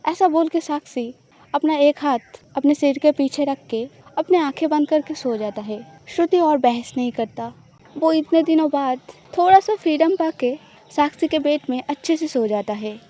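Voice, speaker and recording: A woman narrating an audio love story in a steady, plain way. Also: sits high, normal speed.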